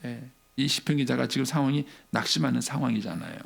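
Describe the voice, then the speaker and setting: Gravelly, husky-voiced man preaching. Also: mid-range voice, quick pace. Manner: conversational preaching, rhetorical questions, acts out inner dialogue. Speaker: pastor. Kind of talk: early-morning sermon. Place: church sanctuary.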